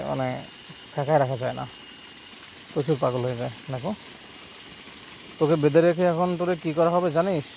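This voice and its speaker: A man's voice: medium pitch, noisy background. A young man with a Khulna Bengali accent, chatting casually as he walks outdoors through a village and coaxes the animals. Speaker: village vlogger. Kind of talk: casual walking vlog. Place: village outdoors, fields and pond.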